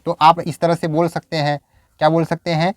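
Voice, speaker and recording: Guy teaching english in a video lesson, kinda high voice, drags out the example sentences, dead dry room. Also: little pitch movement, no echo. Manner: explains step by step, slowly dictating English example sentences. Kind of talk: video lecture.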